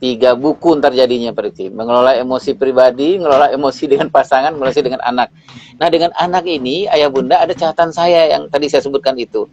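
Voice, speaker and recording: A man's voice: medium pitch, fast, darkish tone. A man hosting a parenting talk, summing up and speaking straight to the listeners. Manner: addresses the audience directly, frequent backchannel murmurs. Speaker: host. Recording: muffled with faint noise.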